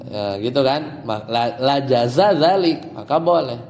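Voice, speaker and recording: A man's voice: medium pitch, lively intonation, measured pace, darkish tone, in a large hall, a little hiss or hum. A man teaching an Arabic grammar lesson in a casual style, explaining step by step and asking his students rhetorical questions. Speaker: Islamic teacher.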